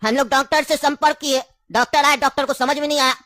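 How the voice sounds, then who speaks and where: A woman's voice: sits high, steady tone, quick pace, fairly bright tone, dry recording. A woman playing a scheming, grieving old grandfather in a comedy skit, coaxing and insistent and laughing through her lines. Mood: recounting. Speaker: comic skit actor.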